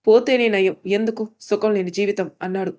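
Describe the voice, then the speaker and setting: A woman's voice: medium pitch, steady tone, brisk, a little mellow, natural voice. A woman voicing an angry, bitter young man who snaps resentfully. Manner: snapping, resentful.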